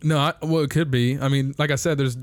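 A man's voice: mid-range voice, steady tone, fairly quick, no room sound. A young man hosting a casual podcast, rambling, laughing often and swearing loosely. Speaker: podcast host.

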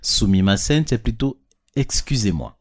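Very animated and a little slow, a man with a fairly low voice holds a handheld microphone for a casual lesson with children. He explains things patiently and frequently checks with questions that they are keeping up.

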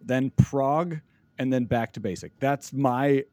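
A man's voice: mid-range voice, slow, dark tone, no echo. A man co-hosting a podcast in casual chat, wry and sarcastic, with casual swearing. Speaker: podcast co-host. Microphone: video call, camera off.

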